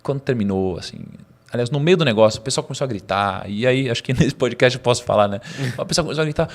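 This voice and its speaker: A Brazilian man speaks rapidly as a podcast guest recounting a personal story. His delivery is lively and slangy, and he often chuckles as he talks. His voice sits at an ordinary middle pitch for a man. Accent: Brazilian Portuguese. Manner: animated, slangy, laughs mid-story. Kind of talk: storytelling in casual conversation.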